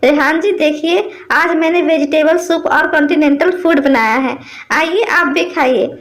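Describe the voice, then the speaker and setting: A woman's voice: sits high, moderate pace, lightly acted. A woman voicing a proud, defiant modern daughter-in-law in a storybook tale. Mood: pointed. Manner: defiant, indignant.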